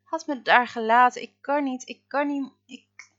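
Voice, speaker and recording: A broken, drunk man weeping and repeating the same words through sobs, as a woman reading a story puts him on. The voice lurches between loud cries and near-whispers. The recording sounds dull and muffled. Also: high voice, lively intonation, a little slow. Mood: sobbing despair. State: crying. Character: drunk soaked man sobbing in despair.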